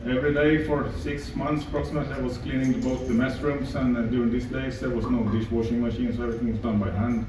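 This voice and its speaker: A man's voice: mid-range voice, flat delivery, quick pace, hardly any pauses, noisy background. A man from Finland, a ship's captain being interviewed on stage, joking dryly and talking unhurriedly. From Åland Islands, Finland. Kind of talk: stage interview, casual chat. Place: ship atrium stage. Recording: echoey onboard atrium, distant mic.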